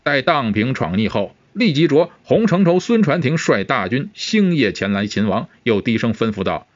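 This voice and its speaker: A man narrating a comic-book story in a casual storytelling manner, with frequent drawn-out particles. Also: medium pitch, very animated, no echo. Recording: dull, muffled sound.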